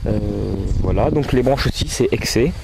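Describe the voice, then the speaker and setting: A man's voice: mid-range voice, expressive, normal speed. A man casually showing his archery gear to his camcorder at home, hesitating often with fillers. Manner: hesitant, many fillers, talks to camera. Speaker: archery vlogger. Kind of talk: casual equipment demo. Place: outdoors at home. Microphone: camcorder mic. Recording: camcorder recording with background noise.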